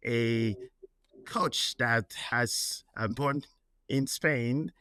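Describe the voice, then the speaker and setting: A man's voice: medium pitch, drawn-out words, bright, forceful tone, clear, resonant tone. A man from France hosting a soccer podcast, asking long rambling questions full of fillers. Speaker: podcast host. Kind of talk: interview hosting.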